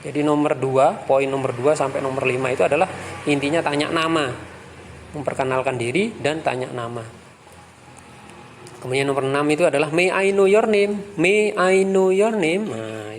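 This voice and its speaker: A male English teacher with an Indonesian accent explains self-introduction phrases, slowly drawing out each model phrase between quicker explanations. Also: mid-range voice, slight background noise. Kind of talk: classroom lesson explaining phrases.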